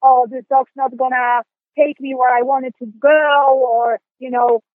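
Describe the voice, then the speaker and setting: A woman from Poland with a Polish accent, answering interview questions in a high voice. She talks in halting bursts, full of restarts and fillers. She sounds dry and tinny, as if over a phone line. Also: little pitch movement, no echo. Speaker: guest, dog sport competitor. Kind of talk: interview conversation.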